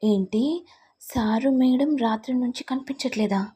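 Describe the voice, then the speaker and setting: A fretful, deferential older caretaker man, as a woman reads him in a soft, husky voice. He fires off worried questions and keeps saying sir and madam. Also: very high voice, moderate pace. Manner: anxious questioning, calls them sir and madam.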